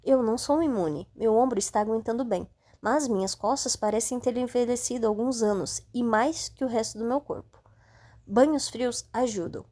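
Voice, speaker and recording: Woman reading an audiobook, calm and steady, warm dark voice. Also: fairly high pitch. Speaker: audiobook narrator. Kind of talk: first-person audiobook narration.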